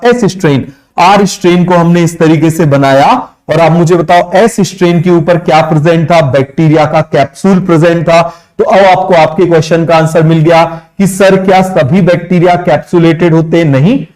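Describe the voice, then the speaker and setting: Hindi-speaking man teaching biology live, a little high. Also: darkish tone. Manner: quizzing, repeats questions and answers them himself; mixes English terms into Hindi, drawn out slowly. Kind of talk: live online exam-prep lecture. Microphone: streaming microphone.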